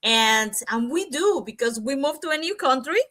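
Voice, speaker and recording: Bright, lively woman from Cuba. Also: high-pitched, normal speed. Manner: animated, searching for words with restarts and "you know". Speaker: panelist, nurse. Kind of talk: panel discussion.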